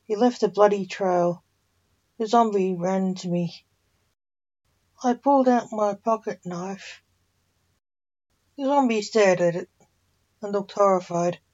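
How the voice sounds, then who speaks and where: A woman podcast host and poet narrating her own rhyming horror story in a slow, measured read. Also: medium pitch, a little mellow. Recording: dull lo-fi.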